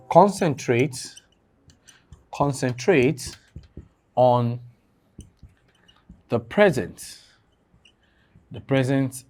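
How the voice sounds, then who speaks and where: A man's voice: mid-range voice, a little mellow. A man teaching an online exam-prep lesson, repeating key phrases and asking the class fill-in questions.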